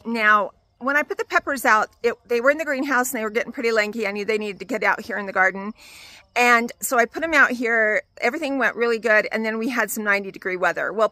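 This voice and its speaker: A woman's voice: fairly high pitch, sharp tone, no room sound. Chatty older woman, dry sound. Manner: chatty and homey, with fillers and self-deprecating laughs. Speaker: gardening vlogger. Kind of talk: casual garden tour chat. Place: outdoors in a home garden.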